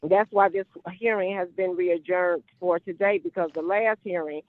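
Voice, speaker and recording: A woman's voice: lowish voice, steady tone, moderate pace. A woman speaking in court as a defendant on a phone-line hearing recording, insistent and repeating her objections and questions. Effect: courtroom hearing recording over a phone-like line. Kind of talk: argumentative courtroom exchange.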